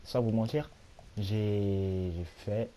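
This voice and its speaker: A hoarse young man, a little sick, giving rambling, self-mocking commentary while he plays a video game at home. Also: on the low side, steady tone, slow, dark tone. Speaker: gaming YouTuber. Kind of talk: casual let's-play commentary.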